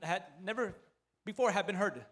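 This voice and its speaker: A man's voice: high-pitched, unhurried, fairly bright tone. A man interpreting a sermon phrase by phrase, following right after the preacher and restarting now and then.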